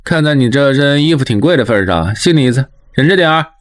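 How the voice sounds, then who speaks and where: A man's voice: mid-range voice, lively intonation, fairly quick, no room sound, clean studio sound, close to an everyday voice. A man voicing a laid-back young mechanic with a casual, unbothered manner, the lead of a motion comic. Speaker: lead character.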